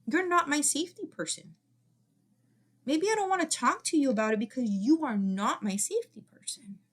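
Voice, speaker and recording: A middle-aged woman, a former child therapist, giving casual advice in an earnest, repetitive way that often drops to a soft whisper. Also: sits high, animated, normal speed. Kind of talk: casual advice talk to camera.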